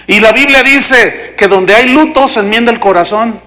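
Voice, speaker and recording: A man's voice: very high-pitched, moderate pace. A middle-aged Mexican man, a pastor preaching a sermon and acting out the voices of people in his stories. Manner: animated storytelling, acting out voices.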